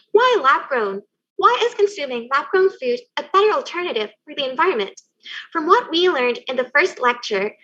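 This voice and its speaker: Young woman from thailand presenting her team's project, high voice, muffled audio. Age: young adult. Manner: upbeat, playful opening, then steady explanatory reading. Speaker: student team leader presenting. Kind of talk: prepared presentation.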